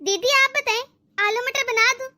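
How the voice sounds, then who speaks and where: A woman's voice: very high voice, normal speed, bright, forceful tone, full character voice. Woman voicing a meek polite daughter-in-law. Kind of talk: animated family drama voicing.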